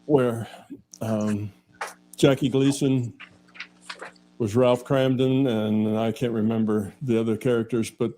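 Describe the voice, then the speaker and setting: An older man chatting as a guest on a live stream, pausing and searching for his words as he recalls things. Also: medium pitch, steady tone, dark tone, slight background noise. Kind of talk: casual live-stream chat.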